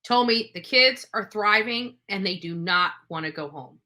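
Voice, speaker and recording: On a livestream about true crime cases, a woman speaks at a medium pitch and normal speed with a sharp tone. Her commentary is unscripted and opinionated, emphatic and accusatory, and she repeats phrases to drive her points home.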